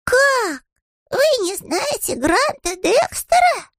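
A man voicing a small, polite young male bear who is earnest and naive, in a squeaky, innocent way. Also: sing-song, normal speed, vocal fry, dry recording, studio quality, exaggerated voice.

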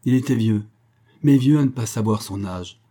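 A man narrating a classic novel as an audiobook in a measured, even storytelling delivery. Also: medium pitch.

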